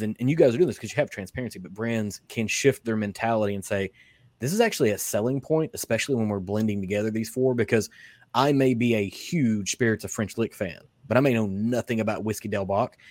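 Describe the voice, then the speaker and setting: A man's voice: fairly low pitch, no room sound. A man hosting a whiskey podcast interview, talking in a rambling, casual way with many restarts and fillers. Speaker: podcast host.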